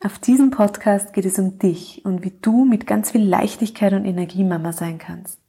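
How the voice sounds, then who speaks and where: A woman hosting a podcast with calm, measured scripted narration, addressing the listener directly. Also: medium pitch, breathy edge. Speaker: podcast host, coach for mothers.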